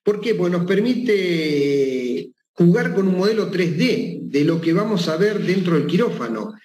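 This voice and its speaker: A man's voice: high voice, animated, unhurried, a little mellow. A man giving a medical talk, often closing his points with a short questioning tag, recorded in a roomy space. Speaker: speaker, surgeon. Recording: echoey room with faint noise.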